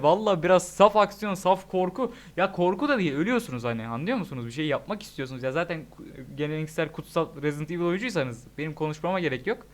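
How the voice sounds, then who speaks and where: A young man talks through a horror game for his channel. He jokes with viewers and breaks into loud yells when the game startles him. His voice sits fairly high for a man. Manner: excitable, shouts at the game, joking. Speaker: gaming YouTuber. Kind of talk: let's play commentary.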